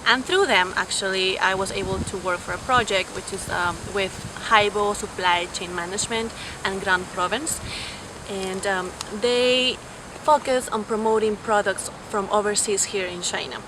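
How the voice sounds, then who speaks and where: A woman's voice: mid-range voice, moderate pace. A young woman from Peru answering interview questions about her studies and work, fluent but with frequent fillers and restarts. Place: outdoors on a university campus. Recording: clear background noise.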